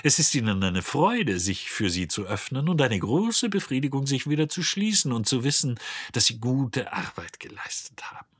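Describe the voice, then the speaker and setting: A male narrator voicing a deeply depressed, sarcastic male robot in an audiobook, husky and weary. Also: big pitch swings, moderate pace, dry recording, studio quality. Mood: sardonic. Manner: weary, sulking, mocking. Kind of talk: audiobook character voice.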